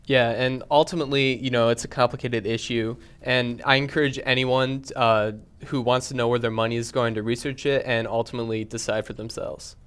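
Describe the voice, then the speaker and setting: A man's voice: medium pitch, flat delivery, brisk, hardly any pauses, a bit bright, clean tone. A young man casually anchoring a student news show.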